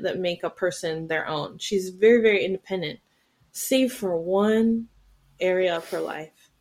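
A middle-aged woman co-hosting a podcast, telling a story in a joking, animated way. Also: medium pitch. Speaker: podcast co-host. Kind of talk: casual chat.

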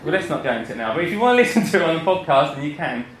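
A man's voice: a little high, very animated, very fast. A man with an Essex accent gives an informal, joking, self-deprecating talk to an audience as a gardening podcaster. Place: indoor talk before an audience, roomy space. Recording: echoey room with some background noise.

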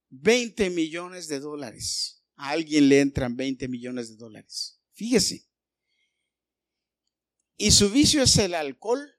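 A male pastor preaching a sermon, animated and full of rhetorical questions aimed at the congregation. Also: fairly high pitch, no room sound.

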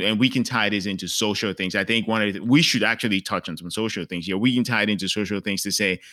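A man's voice: lowish voice, a bit bright, no room sound, clean studio sound. A man from Cameroon in a casual panel discussion, asking earnest, probing questions.

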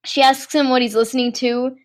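A woman's voice: high voice, level tone, brisk. An eighteen-year-old woman co-hosting a podcast, recapping a movie in a rambling, self-deprecating way full of fillers. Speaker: podcast co-host. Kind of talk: casual movie recap chat.

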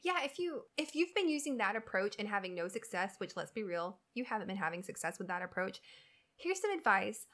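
A woman's voice: medium pitch, very animated, brisk, fairly bright tone. A woman co-hosting a podcast in casual chat, giving blunt advice with plenty of swearing. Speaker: podcast co-host.

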